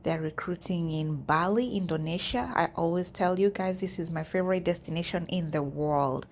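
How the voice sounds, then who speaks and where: A woman's voice: lowish voice, moderate pace, slight background noise. A woman vlogger talking casually to her viewers, chatty and addressing them directly as she walks through job listings. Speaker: YouTube vlogger.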